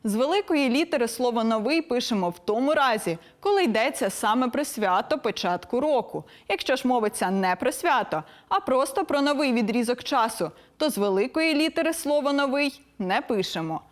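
A young woman presenting a scripted language lesson in a crisp, didactic and lightly playful manner. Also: fairly high pitch, animated, brisk, few pauses.

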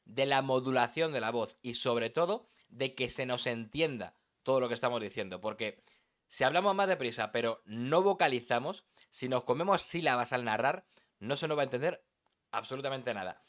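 Man giving a narration lesson, dramatic emphatic delivery, middle pitch, speaks directly to the student. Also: expressive, normal speed, a bit bright. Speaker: sports narration teacher. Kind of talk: instructional voice-over lesson.

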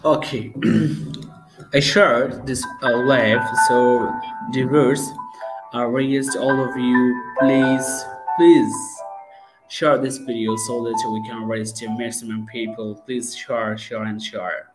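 Young man, middle pitch, video-call host, halting and filler-heavy, music playing clearly behind. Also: little pitch movement, rough recording. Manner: halting, many "uh" fillers, keeps urging viewers to share. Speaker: host and teacher. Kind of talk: live-streamed English practice interview. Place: home room with starry painted wall. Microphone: webcam on video call.

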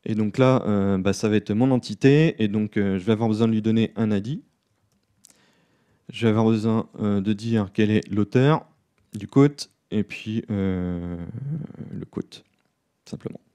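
A man speaks on stage while demoing code live. His voice sits a little low, and he talks in an easygoing, self-mocking way with frequent fillers. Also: measured pace, smooth. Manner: relaxed, self-deprecating, many fillers. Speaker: conference speaker. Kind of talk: live coding talk. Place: conference room.

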